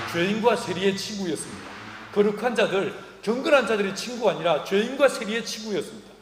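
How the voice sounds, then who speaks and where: A middle-aged male pastor delivers a sermon in a reverberant church hall, his voice sitting high for a man. He tells stories with a light, humorous touch. He slips into the voices of the people in them. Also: slight background noise. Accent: Korean. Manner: humorous, acts out quoted dialogue. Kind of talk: sermon with storytelling. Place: church sanctuary.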